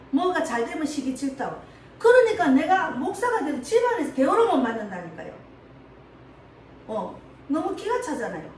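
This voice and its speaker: Casting: woman pastor, Gyeongsang Korean accent, high lively voice, echoey church from afar. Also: slight background noise. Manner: emotional, animated storytelling with laughs. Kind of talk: sermon with personal story. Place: church sanctuary. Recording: echoey hall, mic far off.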